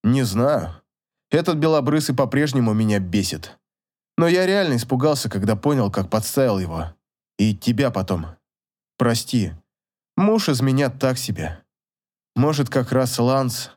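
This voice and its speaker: A man's voice: mid-range voice, very animated, unhurried, darkish tone. A man reading aloud and voicing a sulky young husband who grumbles and jokes wryly. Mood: sheepish. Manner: grumbling, wry.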